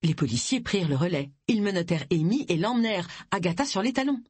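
An expressive audiobook narrator with a lively, wide-ranging intonation. The slightly husky voice is recorded close and dry, with no room sound. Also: mid-range voice, fast, no room sound. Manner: expressive storytelling. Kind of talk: scripted narration.

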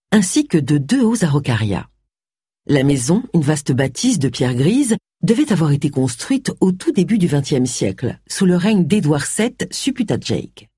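An audiobook narrator reading a story with expressive storytelling, close to the mic. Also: mid-range voice, slightly rough, no room sound. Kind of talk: scripted narration.

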